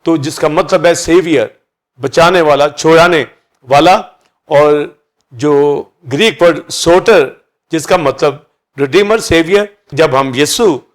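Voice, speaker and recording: A pastor preaches a sermon, explaining key words by listing several meanings for each. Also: male voice, a little high. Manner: teaching, repeats synonyms for each key word.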